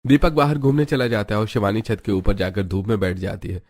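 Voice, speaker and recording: A man narrating a family drama story in an even, storytelling way. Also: fairly low pitch, fairly quick, no echo.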